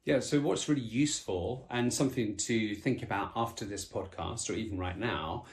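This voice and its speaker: A man's voice: on the low side, moderate pace. A man co-hosting a podcast about relationships, explaining in a reflective, conversational way with frequent restarts. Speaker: podcast co-host.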